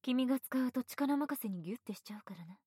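A woman voicing a teasing, domineering female teacher in a whispered roleplay, speaking in a soft, breathy, bossy way. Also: on the high side, animated, fast, dry recording, clean studio sound. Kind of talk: erotic ASMR roleplay.

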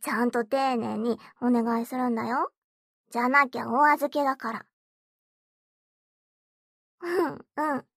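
A mocking, coy young stepsister, played by a woman, in a whispered role-play. Her voice sits high, and she drawls her taunts slowly and playfully. The sound is close and dry, with no room around it. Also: gravelly, fairly bright tone, no echo, full character voice. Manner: taunting, giggly, coaxing.

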